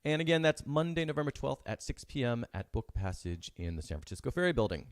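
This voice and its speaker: A man hosting his own podcast, chatty and upbeat, often pausing with fillers as he signs off. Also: mid-range voice, sing-song, no room sound, studio quality. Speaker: podcast host and author. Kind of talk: casual live-stream sign-off.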